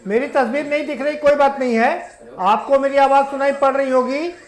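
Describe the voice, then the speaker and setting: A man's voice: very high voice, fairly even intonation, normal speed. Anchorman with heavy cave-like echo. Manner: formal, insistent questioning. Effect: heavy cave-like echo over the line. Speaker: news debate anchor. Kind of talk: TV news panel moderating.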